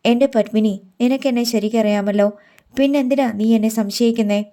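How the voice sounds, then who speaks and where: Scheming young village man, voiced by a woman storyteller: firm, low, sure of himself, mellow tone. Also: steady tone, normal speed, close to an everyday voice. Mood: determined. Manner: low, firm, matter-of-fact.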